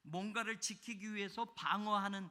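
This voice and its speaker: A male pastor preaching a sermon. He swings from shouting fervor to quiet, chatty asides. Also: sits high, fairly even intonation, moderate pace. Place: church sanctuary. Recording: long reverb of a church hall.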